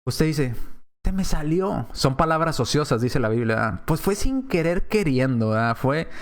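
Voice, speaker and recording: A man's voice: medium pitch, lively intonation, normal speed. A man preaching a sermon in a conversational way, slipping into other voices to act out quoted speech. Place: church.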